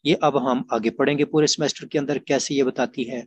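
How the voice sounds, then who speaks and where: A man teaching an online grammar class, explaining patiently and repeating examples slowly. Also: mid-range voice, fairly even intonation, slightly rough, lo-fi sound.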